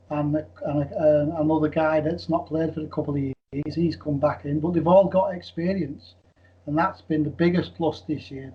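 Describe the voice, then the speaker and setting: A man answering interview questions about his team, earnest and repeating words as he starts. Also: on the high side. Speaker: team official. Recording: dull lo-fi sound.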